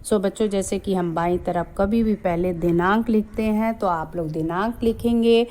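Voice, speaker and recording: A woman's voice: medium pitch, mellow, slight background noise. A woman teaching Hindi to young children in a recorded lesson, patiently drawing out each syllable and mixing in the English word "so". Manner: slow, patient, drawn-out sounding of each syllable. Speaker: primary school Hindi teacher.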